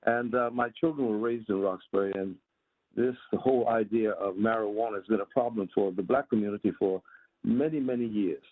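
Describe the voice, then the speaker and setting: A man in his seventies calling in by phone to a community meeting, speaking earnestly with halting restarts. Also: lowish voice, no room sound. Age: 70s. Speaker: community caller. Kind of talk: public comment at a community meeting. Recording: tinny phone line.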